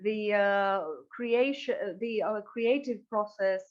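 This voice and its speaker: Speaking slowly in a mid-range voice, a northern Greek woman who sings and writes lyrics for a band responds to an interviewer with earnest hesitation, often repeating words. The recording has a lo-fi quality.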